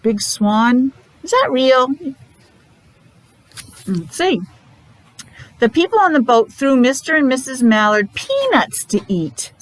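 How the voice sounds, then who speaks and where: A woman's voice: high voice, big pitch swings, slow, pauses often, low-quality recording. A woman teacher reading a picture book aloud to young children, explaining it simply in short, repetitive asides. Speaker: preschool or special-needs teacher.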